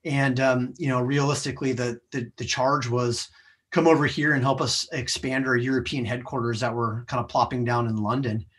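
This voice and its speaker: A man from the United States, a sales professional, talks conversationally in a podcast interview. He explains things step by step with small checking phrases, using a medium-pitched, level, slightly bright voice at a moderate pace.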